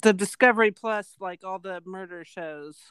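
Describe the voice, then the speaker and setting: A woman's voice: mid-range voice, moderate pace, fairly bright tone, smooth, dry recording. A woman chatting casually as a podcast co-host, with a blunt, wry, sweary way of talking. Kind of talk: casual chat.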